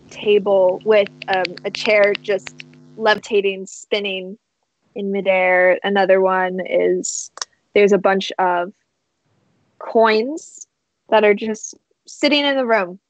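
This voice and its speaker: A woman narrating a tabletop role-playing game as game master, in a relaxed, rambling way with many fillers. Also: medium pitch, no room sound, poor audio.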